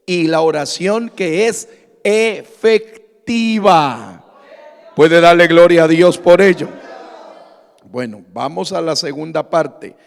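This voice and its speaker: A man preaches a sermon in a high voice with a long reverb behind it. He speaks slowly and deliberately, asks the congregation questions and then answers them himself. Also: creaky. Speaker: pastor.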